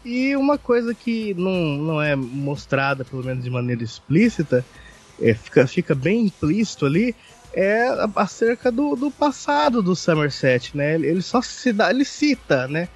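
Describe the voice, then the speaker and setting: Higher-pitched man explaining a film plot. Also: big pitch swings. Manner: halting, explanatory, restarts often. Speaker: podcast co-host. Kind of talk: casual film discussion.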